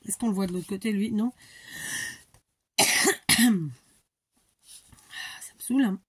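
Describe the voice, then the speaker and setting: A woman's voice: mid-range voice, takes it slowly, breathy edge. A woman hosting a crafting tutorial, chatting casually and thinking aloud, muttering to herself as she works.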